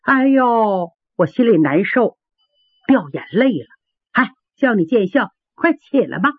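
A woman's voice: on the high side, big pitch swings, unhurried, breathy edge, dry recording, heavily acted. A woman voicing a proud young princess who turns kind and gracious in a traditional storytelling piece. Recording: dry, tinny phone-like sound.

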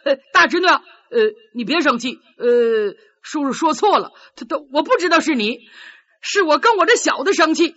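A hot-tempered old father bellows his scolding in a high, loud, bright voice, as a woman storyteller puts him on. The pitch jumps about sharply. It sounds dull and lo-fi. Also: lively intonation, moderate pace. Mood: flustered. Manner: shouting scolding.

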